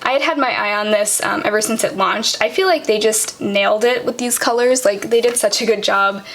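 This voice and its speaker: A young woman vlogger casually walking through her makeup products, chatty and quick, with lots of "um" and "like". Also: medium pitch, fairly bright tone, slight background noise. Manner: fast, chatty, many fillers like "um" and "like". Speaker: beauty vlogger.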